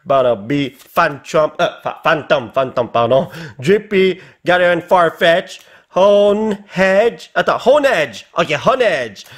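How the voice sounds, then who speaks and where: A tired young man with a Québécois French accent speaks in a high voice at a slow pace. He's a YouTuber excitedly opening Pokémon cards in a casual vlog, tossing in English exclamations along the way.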